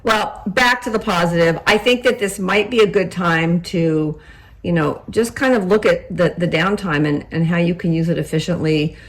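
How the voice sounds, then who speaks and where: A woman's voice: fairly low pitch, moderate pace, rough recording. Older woman, chatty and laughing. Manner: animated storyteller, laughs often. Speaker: co-host. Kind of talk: casual chat.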